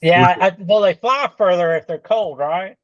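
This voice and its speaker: A man's voice: high-pitched, moderate pace, dry recording. Man on a video call, jokey questioner, muffled lo-fi audio. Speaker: participant asking questions.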